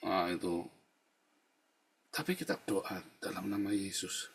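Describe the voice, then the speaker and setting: A middle-aged male pastor giving an informal, chatty sermon, telling stories, often addressing listeners as brothers and sisters, and rising to loud indignant emphasis. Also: low-pitched, expressive, measured pace, creaky, breathy edge. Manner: chatty storytelling, often adds "saudara ya".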